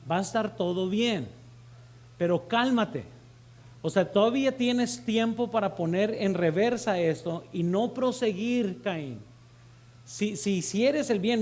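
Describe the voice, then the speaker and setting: A Mexican pastor delivers a sermon in a church, his voice sitting notably high for a man. He speaks straight to the congregation, calling them brothers and putting questions to them. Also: darkish tone.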